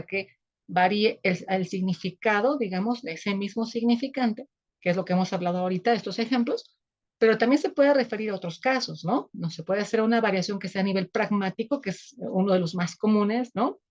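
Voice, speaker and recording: Teacher, female, Mexican accent, mid-pitched. Lectures patiently, keeps checking in with the student. Slightly muffled lo-fi audio. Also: a little mellow. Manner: explanatory, constant tag questions to the student. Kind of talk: online sociolinguistics lecture.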